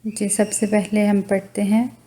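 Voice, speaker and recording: A woman teaching Quran recitation, drawing out each letter name slowly and patiently explaining with a Pakistani Urdu accent. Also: mid-range voice, flat delivery, warm tone. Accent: Urdu-speaking, Pakistani. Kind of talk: slow recitation lesson, drawn-out letter names.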